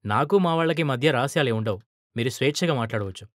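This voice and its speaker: A man's voice: medium pitch, lively intonation, quick pace, fairly bright tone, no echo, studio quality, natural voice. A man voicing a weary, irritated film star. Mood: earnest. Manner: tired, irritated complaining. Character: weary middle-aged male film star.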